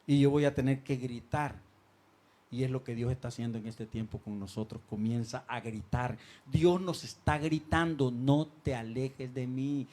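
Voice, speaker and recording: A male pastor preaching a sermon in a church on a handheld microphone, swinging from loud calls to quiet asides. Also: medium pitch, moderate pace.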